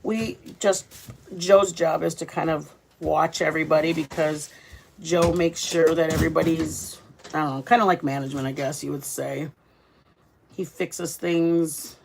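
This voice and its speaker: Deep, gravelly, and steady, this woman's voice moves a little slowly over slight background noise. In her kitchen she runs a home cooking vlog, giving a casual, chatty demonstration to camera and addressing viewers as "guys."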